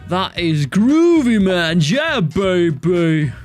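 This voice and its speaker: A man putting on a mellow, groovy hippie with a high voice, tossing out lazy judgments and ending his lines with "man". Faint music sits behind him. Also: sing-song, very slow, exaggerated voice. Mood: laid-back. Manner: tacks "man" onto lines, scolding yet easygoing.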